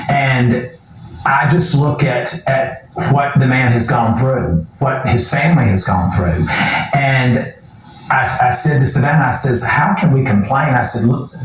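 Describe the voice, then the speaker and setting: A man's voice: mid-range voice, heavy reverb, distant mic, rough recording. A middle-aged man telling his story as an interview guest, in a folksy, earnest way.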